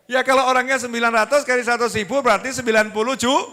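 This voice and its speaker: Animated Javanese preacher in an echoing hall. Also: male voice, very high-pitched, rapid-fire. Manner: animated storytelling, acts out voices, jokes with the audience. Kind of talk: Islamic sermon to a congregation. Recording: long hall reverb.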